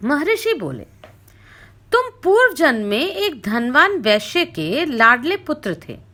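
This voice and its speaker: Lively bright-voiced woman storyteller. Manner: expressive recitation, dips low for the sage's address. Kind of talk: reading a scripture story aloud.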